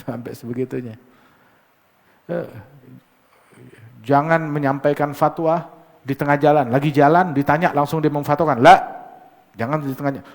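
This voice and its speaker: A man preaching, animated and teasing, mimicking hurried recitation and firing rhetorical questions. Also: fairly high pitch. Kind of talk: sermon. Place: mosque gathering. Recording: long hall reverb.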